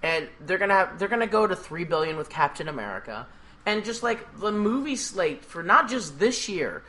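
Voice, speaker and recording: A man co-hosting a podcast in casual chat, talking quickly with asides and mild swearing. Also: high-pitched, big pitch swings, pushed and bright. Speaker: podcast co-host.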